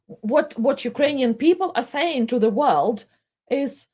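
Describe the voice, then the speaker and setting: A middle-aged woman from the Soviet Union delivers impassioned live commentary in a fairly high voice. She takes her time, often halting and repeating words as emotion builds in her speech. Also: animated, dark tone, breathy edge.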